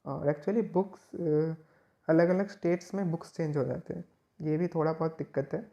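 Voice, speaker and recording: Man, from West Bengal, tutor, informal student advice, dark mellow tone, dull lo-fi sound. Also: on the high side, steady tone, normal speed, gravelly. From West Bengal, India. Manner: rambling, restarts and fillers. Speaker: chemistry exam tutor.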